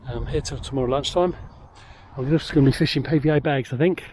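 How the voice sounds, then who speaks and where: A man talks outdoors by a lake, a little out of breath and halting, with plenty of ums and uhs between thoughts. His voice is warm and mellow, and a faint outdoor hiss runs under it. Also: mid-range voice. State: slightly out of breath. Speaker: angler vlogger. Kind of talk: casual outdoor vlog commentary.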